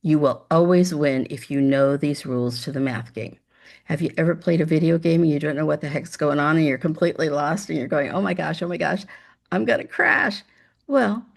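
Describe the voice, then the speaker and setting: A fairly low, gravelly woman's voice leads a demo math lesson over a video call. She keeps it upbeat and chatty, coaxing imagined students to join in. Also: brisk, darkish tone. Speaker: teacher.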